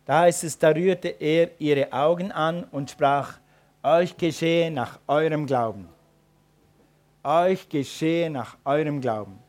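A man's voice: a little high, takes it slowly, a little mellow. A man preaching a sermon and calling his congregation to respond. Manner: preaching with rising emphatic calls to the congregation. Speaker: pastor.

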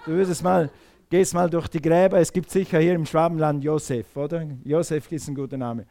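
A man delivers a sermon in a fairly high voice. He preaches with energy, dropping to quiet, close tones and then rising to loud calls. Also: fairly even intonation, brisk, creaky.

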